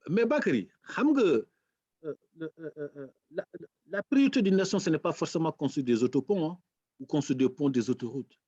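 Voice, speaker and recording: A man from Senegal with a Senegalese accent, a lecturer speaking as a talk-show guest and telling stories with animated, acted-out dialogue. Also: a little high, normal speed, slightly rough, no echo, lo-fi sound. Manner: animated storyteller, acts out quoted dialogue. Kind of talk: casual talk-show conversation.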